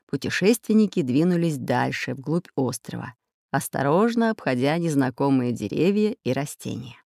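A narrator reading a children's adventure audiobook in a lively storytelling manner. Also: mid-range voice, no echo, studio quality.

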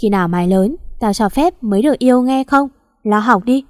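A woman's voice: fairly high pitch, a little fast, darkish tone, no echo, studio quality, close to an everyday voice. Woman doing a bossy young rich master. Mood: scolding. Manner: curt, scolding orders.

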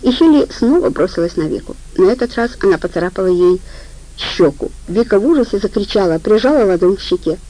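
A woman's voice: medium pitch, lively intonation, fast talker, dark tone, poor audio. A woman reading a detective story aloud as an audiobook narrator.

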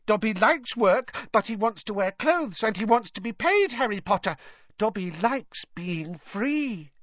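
An audiobook narrator voicing an excitable male house elf, squeaky and shrill, eager and servile, speaking of himself in the third person. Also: unhurried, no room sound, dull audio. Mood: earnest. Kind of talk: audiobook character voice.

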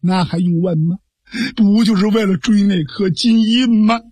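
A weary imperial official in a storytelling tale, as a male storyteller puts him on, speaking in heavy, measured phrases. The husky voice sits high, close and dry. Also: a little mellow, no room sound. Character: grieving official, weary and dignified.

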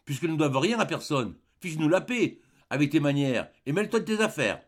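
A shrill, sharp-tongued young woman, put on by a male storyteller, throws quick sneering retorts, her voice climbing well above his usual pitch. The reading is a literary story. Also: sing-song. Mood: defiant.

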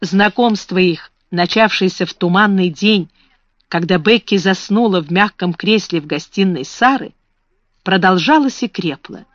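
A narrator reading a classic children's story aloud in an even, measured way. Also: medium pitch, dry recording. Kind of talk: audiobook reading. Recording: dull lo-fi dry recording.

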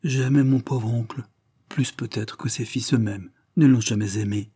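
A man's voice: medium pitch, moderate pace, mellow, breathy edge, close to an everyday voice. A man voicing a newly titled lord in an audiobook, curt and decisive. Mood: grieving. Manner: curt, decisive, brooks no reply.

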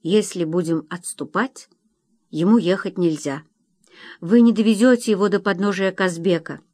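A man's voice: high-pitched, normal speed, a little mellow, no room sound, studio quality. A male audiobook reader voicing a frightened young wife who pleads for her sick husband. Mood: pleading. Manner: pleading, anxious. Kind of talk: audiobook narration with voiced quotes.

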